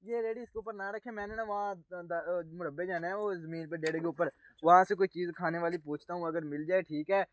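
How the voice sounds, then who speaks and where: Pakistani vlogger, chatty and direct, outdoor farm work, faint noise behind. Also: male voice, high voice, fairly even intonation, brisk, hardly any pauses. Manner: chatty, addresses viewers directly, calls out to helpers. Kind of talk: casual vlog commentary while working outdoors.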